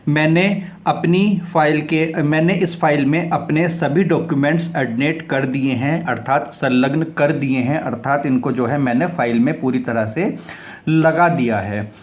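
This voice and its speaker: In an English vocabulary lesson, a man whose pitch is slightly raised explains the words as he goes. Each one gets spelled letter by letter and repeated several times, and he reads the example sentences slowly.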